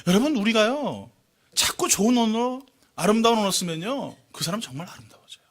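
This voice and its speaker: A male pastor preaching a lively, joking sermon in church, often calling out questions to the congregation. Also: sits high, fairly quick. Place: church sanctuary.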